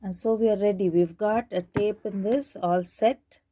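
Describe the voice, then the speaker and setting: A woman gives an informal, unscripted demonstration of digitizing tapes, thinking aloud hesitantly as she works through each step. Her voice is medium-pitched with fairly even intonation, and she talks at normal speed over background noise.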